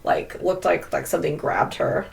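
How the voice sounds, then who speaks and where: On a paranormal podcast, a woman co-host chats and tells stories in a loose, rambling way, packed with "like." She has a fairly low, creaky voice and speaks at a moderate pace. Background noise and a distant mic mark the recording.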